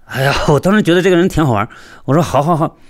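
A man from Yunnan, a local merchant, telling his own story in a lively, chatty way and acting out the dialogue. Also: a little high, racing. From Yunnan, China. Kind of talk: storytelling interview.

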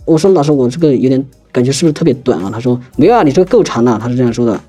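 Young male storyteller, rapid and rambling, mellow husky tone, lots of restarts. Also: medium pitch, expressive, soft background music. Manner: rambling, hesitant, with many restarts. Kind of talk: casual spoken personal story.

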